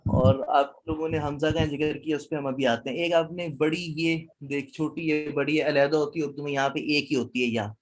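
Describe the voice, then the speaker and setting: A man's voice: fairly high pitch, steady tone, hardly any pauses. Man teaching an Arabic class. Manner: quizzes students, mixes English words. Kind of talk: classroom lecture.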